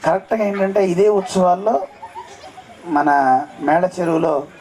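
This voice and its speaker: A man's voice: high voice, unhurried, darkish tone, a little hiss or hum, rough recording. A man giving a devotional discourse at a temple festival, telling scripture stories and often asking his listeners questions. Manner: asks the audience questions often. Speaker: religious speaker.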